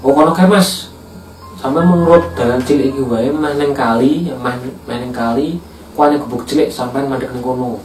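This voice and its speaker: A kindly old farmer gives directions, as a man puts him on. His voice is pitched a bit high and chatty. It is recorded away from the mic in a roomy space, with music behind. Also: normal speed, a little mellow, distant mic, close to an everyday voice. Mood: helpful. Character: friendly old male farmer giving directions.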